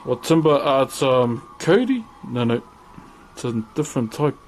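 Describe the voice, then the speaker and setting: A man's voice: medium pitch, very animated, normal speed, slight background noise. A man with a broad New Zealand accent chats casually to livestream viewers in a laid-back, slangy, matey way. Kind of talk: casual livestream chat while wood carving.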